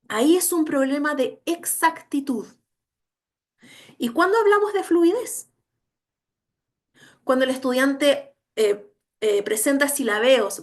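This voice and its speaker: A woman giving an instructional lecture on educational assessment, emphatic and often checking that listeners follow. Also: high voice. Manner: emphatic, checks understanding with frequent tag questions. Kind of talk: online training lecture.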